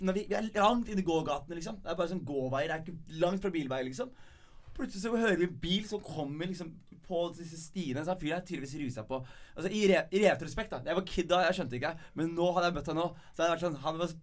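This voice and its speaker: A young man from Norway, a guest comedian, telling stories in a casual podcast chat with playful bravado. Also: fairly high pitch. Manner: animated storyteller, playful bravado.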